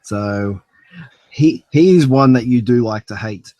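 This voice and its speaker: A man's voice: medium pitch, a little slow, mellow, no room sound. Hesitant man, dry close sound. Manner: hesitant, easygoing, restarts often. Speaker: film review podcast co-host. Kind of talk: casual review chat.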